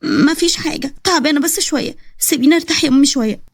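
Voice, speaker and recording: A cheeky, melodramatic young Egyptian girl, as a woman storyteller puts her on, her voice pitched high and whining as she teases. She rattles along very fast. The storybook recording is close and dry. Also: dry recording. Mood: upset. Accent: Egyptian Arabic. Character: impulsive lovestruck young woman, 22, cheeky and dramatic.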